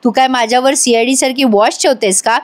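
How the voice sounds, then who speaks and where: Woman reading insolent young schemer, mocking, high voice. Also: a little fast, close to an everyday voice. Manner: mocking, cheeky retorts.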